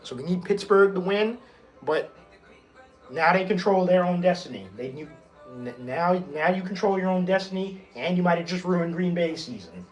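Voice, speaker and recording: A man with a fairly high voice hosts a live sports watch stream. He is hoarse from yelling, his voice nearly gone, yet he stays excitable and swears freely. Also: normal speed, faint music behind. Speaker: stream host.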